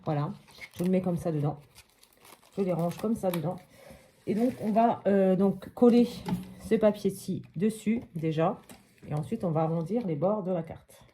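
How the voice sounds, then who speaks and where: Mellow, low-voiced woman chatting through a craft. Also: normal speed, a little hiss or hum. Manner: chatty, thinks aloud with frequent hop and voilà. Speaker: craft tutorial host. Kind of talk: casual step-by-step crafting tutorial.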